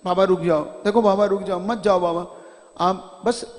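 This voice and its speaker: This is a tearful village man begging a holy man to stay, as a preaching monk puts him on. His high voice stretches each plea slowly and rises in force. The sound rings with a long hall reverb. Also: fairly even intonation. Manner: begging, slow and raised.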